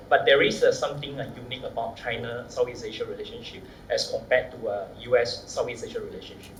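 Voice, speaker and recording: Male panel speaker, Malaysian accent, courteous and measured with halting phrasing; echoey room, faint background noise. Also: medium pitch. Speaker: academic panelist. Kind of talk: semi-formal panel presentation.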